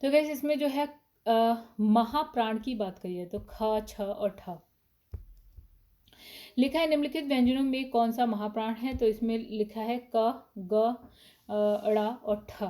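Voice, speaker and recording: A woman's voice: on the high side, mellow. A woman teaching a casual exam-prep grammar lesson, explaining step by step and asking and answering her own questions, with short fillers as she reads the options. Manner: fillers and short pauses while reading options.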